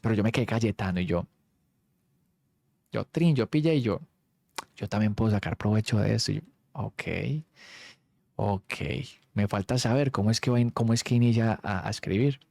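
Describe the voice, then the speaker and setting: Young Colombian man, slangy and animated anecdote-teller, dry close mic. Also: on the low side, moderate pace, gravelly, pauses often, no echo. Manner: animated, slangy, acts out quoted friends. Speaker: streamer. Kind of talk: casual anecdote storytelling.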